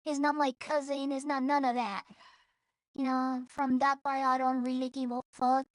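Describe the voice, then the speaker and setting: A woman's voice: high voice, little pitch movement, moderate pace, no echo. A woman from El Salvador, rambling bluntly and profanely in a casual vlog monologue, often restarting her sentences. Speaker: streamer.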